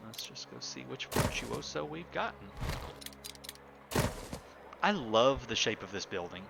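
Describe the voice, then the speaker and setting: A man with a medium-pitched, gravelly voice speaks a little slowly as he builds in a live-streamed game. He keeps things relaxed, talking to himself and chatting with viewers, with background noise audible.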